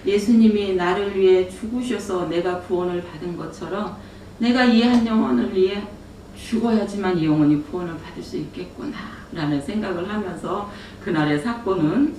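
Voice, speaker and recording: A woman's voice: on the low side, normal speed, warm tone. A woman giving an earnest testimony sermon, telling a family story and acting out the conversations. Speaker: church speaker giving testimony. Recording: roomy echo from a distant mic, faint hum.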